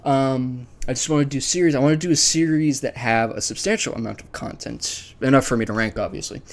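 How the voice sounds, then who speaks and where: Brisk and mid-range, this man's voice carries an unscripted ranking video of a series list. He shares his opinions in a casual, conversational way, thinking out loud.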